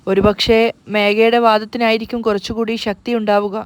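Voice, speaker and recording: Woman doing a slow, anxious family head. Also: mid-range voice, level tone, smooth, dry recording, natural voice. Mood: worried. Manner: slow, worried. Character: troubled older man, head of family.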